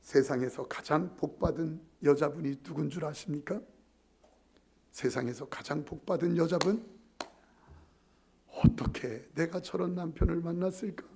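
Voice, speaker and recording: A man's voice: on the high side, moderate pace, gravelly, pauses often, slight background noise. A middle-aged male pastor preaching a sermon. He jokes with the congregation and at times drops to a whisper. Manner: animated, joking with the congregation, then dropping to whispers.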